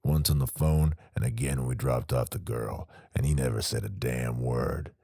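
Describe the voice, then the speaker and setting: A man doing a gravelly, sneering crook. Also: very deep voice, moderate pace, warm tone, dry recording, clean studio sound, voice pushed down, exaggerated voice. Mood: defensive. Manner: swearing, sneering, threatening. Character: crude menacing male small-time criminal. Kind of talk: audiobook character voice.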